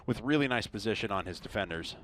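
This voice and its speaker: A man's voice: on the low side, lively intonation, quick pace, fairly bright tone, a little hiss or hum. A man giving live esports commentary in a conversational, analytical caster manner.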